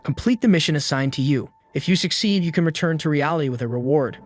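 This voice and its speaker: A man's voice: on the high side, expressive, quick pace, faint music behind. A man reading a scornful, cold angel woman. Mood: commanding. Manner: cold and contemptuous. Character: arrogant cruel female angel, scornful of humans.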